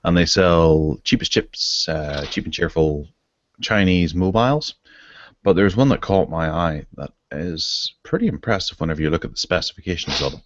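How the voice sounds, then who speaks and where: A man hosting a casual tech podcast over an online video call, chatty and relaxed as he leads the segments. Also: deep voice, moderate pace, dry recording, lo-fi sound. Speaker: podcast host.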